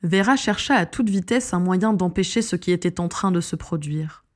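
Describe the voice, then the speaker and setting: A woman with a fairly low voice reads a fantasy novel aloud. Her narration is scripted, steady and expressive, carrying the story forward. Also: moderate pace. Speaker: audiobook narrator.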